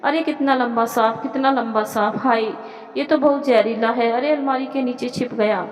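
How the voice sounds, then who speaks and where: Bossy scheming older woman, voiced by a woman, mocking, higher voice, reverb. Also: steady tone, normal speed, close to an everyday voice. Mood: scolding. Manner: sharp, mocking, commanding.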